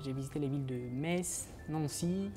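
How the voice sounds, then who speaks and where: A young Uzbek man in his twenties, a master's student, appears as a guest on a TV morning show. His voice is a little high and warm, at a normal speed, and he answers in French, his second language, with an Uzbek accent and many hesitations and restarts.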